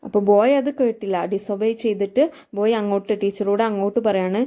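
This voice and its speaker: A woman with a Malayali accent, a teacher explaining an English story, reading lines slowly and then explaining with many fillers. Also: medium pitch, fairly even intonation, warm tone.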